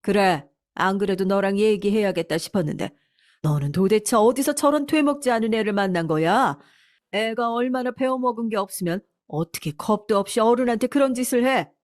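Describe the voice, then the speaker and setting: A woman's voice: medium pitch, fairly quick, natural voice. A woman voicing a stern mother-in-law who scolds sharply and firmly. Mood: scolding.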